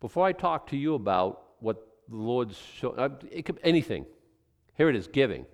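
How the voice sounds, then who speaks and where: A man's voice: mid-range voice, big pitch swings, normal speed, long reverb tail. A male pastor teaching a Bible passage in a conversational way, musing aloud about his own guesses and chuckling as he goes.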